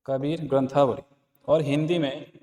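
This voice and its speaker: A man's voice: a little high, flat delivery, a little slow, warm tone, slight background noise. Man teaching exam prep in a reverberant room. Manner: repeats key points, quizzes listeners with rhetorical questions. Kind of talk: Hindi exam-prep lesson, explaining answers.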